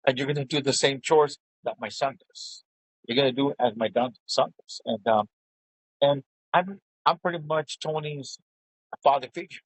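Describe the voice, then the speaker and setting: A man's voice: medium pitch, low-quality recording. A middle-aged man in casual chat, telling stories bluntly and swearing freely. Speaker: show co-host.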